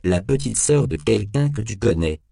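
A man's voice: fairly low pitch, expressive, moderate pace, creaky, dark tone, dry recording, studio quality, voice pushed up. A man voicing a sardonic, hard-nosed police detective interrogating a suspect in a cool, needling tone in an audiobook. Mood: pressing. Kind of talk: audiobook character voice.

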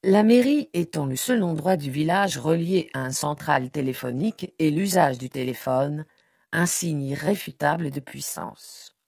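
A woman narrates a literary novel with measured expression. Her voice sits low and carries a gravelly fry. The recording is close and dry. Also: darkish tone, no room sound. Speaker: audiobook narrator. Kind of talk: literary audiobook reading.

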